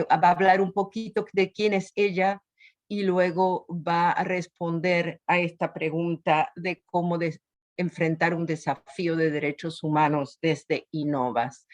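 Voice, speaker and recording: A woman moderating an online event, introducing speakers with hesitant filler sounds. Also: fairly low pitch.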